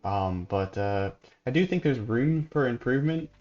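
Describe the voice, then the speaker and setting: A man's voice: mid-range voice, normal speed. Laid-back man with a dull lo-fi mic. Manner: relaxed, thinking aloud. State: sleepy, yawning. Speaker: gaming channel host. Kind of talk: casual gameplay commentary.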